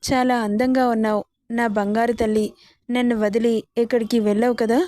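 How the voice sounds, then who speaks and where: A woman voicing a gentle, affectionate middle-aged mother-in-law who soothes and reassures, read in her own voice for a storybook reading. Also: fairly high pitch, flat delivery, moderate pace, no room sound, studio quality, natural voice. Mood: tender.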